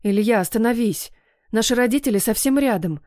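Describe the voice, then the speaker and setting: A stubborn young bride-to-be , as a woman reader plays her, pleads and reproaches in a pressing voice at a middle pitch. The audiobook recording is dry and close. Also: normal speed, darkish tone, dry recording, natural voice. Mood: pleading. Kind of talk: audiobook romance reading.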